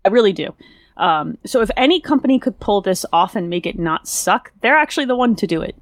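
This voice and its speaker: A woman co-hosting a casual podcast chat, upbeat and quick to agree as she thinks aloud. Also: medium pitch, lively intonation, no echo, clean studio sound. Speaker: podcast co-host.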